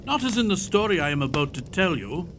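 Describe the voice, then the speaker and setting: A man playing a genial elderly Doctor Watson in audio theatre, a courtly Victorian gentleman telling his memories. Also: a little high, sing-song, a little fast, noisy background. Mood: reminiscing. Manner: courtly, old-fashioned turns of phrase.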